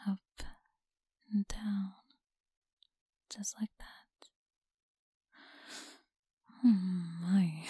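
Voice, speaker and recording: In an ASMR roleplay, a young woman plays a teasing, possessive school bully, whispering slowly, mockingly and breathily right up against the mic. Her voice is medium-pitched and warm, the performance is exaggerated, and there's no room sound.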